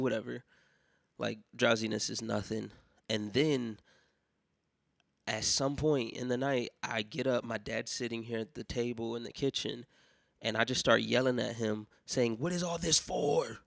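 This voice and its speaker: A young American man hosting a podcast, telling rambling profane stories in a casual solo monologue, sick with a cough, with loud mock outbursts. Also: mid-range voice, gravelly, no echo, clean studio sound. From United States. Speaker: podcast host.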